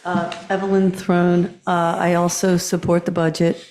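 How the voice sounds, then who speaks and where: A woman's voice: fairly low pitch, little pitch movement, unhurried, darkish tone, a little hiss or hum. A woman giving tentative public comment at a meeting, thinking aloud as she goes. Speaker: community member at town meeting. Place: indoor public meeting room.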